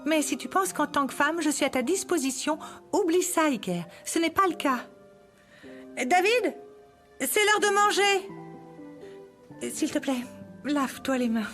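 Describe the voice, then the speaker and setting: An independent mother and estranged wife in a dubbed TV drama. She speaks firmly in a high voice over soft background music. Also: expressive, unhurried, long pauses. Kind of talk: dubbed television drama acting.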